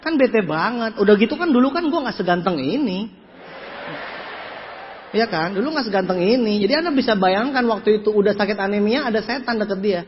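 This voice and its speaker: A man tells animated stories to a seminar crowd, mimicking the people he talks about and repeating words for emphasis. His voice rings around a large hall with a long echo, and the recording sounds muffled and lo-fi. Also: high-pitched, fairly quick, slight background noise. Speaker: motivational business speaker. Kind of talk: lively storytelling seminar talk.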